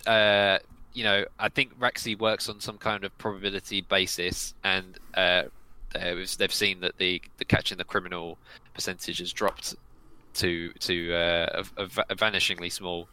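A man's voice: low-pitched, level tone, normal speed, sharp tone, clean tone, poor audio. A man taking part in a tabletop role-playing game, thinking aloud about his character's choices with many restarts. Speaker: player.

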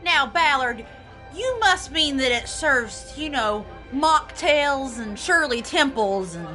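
A woman's voice: sits high, expressive, slow pace, bright, forceful tone, soft background music, heavily acted. A woman playing a prim, pious, earnest temple devotee in an improvised tabletop role-play game, with a slightly hesitant delivery.

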